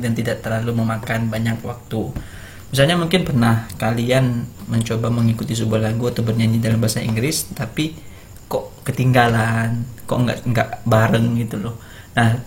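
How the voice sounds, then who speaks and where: A man giving an online lecture, explaining slowly, with fillers and repeats. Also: medium pitch, slight background noise.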